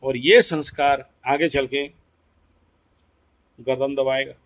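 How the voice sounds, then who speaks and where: A man's voice: mid-range voice, fairly even intonation, takes it slowly. A man teaching astrology in an explanatory lecture. He mixes in English phrases and keeps asking his listeners rhetorical questions.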